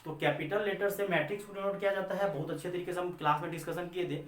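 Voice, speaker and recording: Indian maths teacher guy lecturing, fairly high voice, roomy echo, mic kinda far. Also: fairly even intonation, fast talker, a little hiss or hum. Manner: repeats points, asks and answers his own questions; addresses students as children. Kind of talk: classroom lecture. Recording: echoey room, mic far off.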